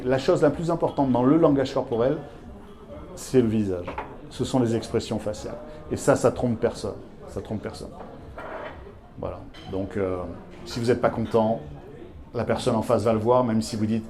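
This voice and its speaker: An emphatic teacher with a mid-range, dark voice delivers a live masterclass to business leaders through a handheld microphone. He speaks straight to the audience and keeps repeating key words.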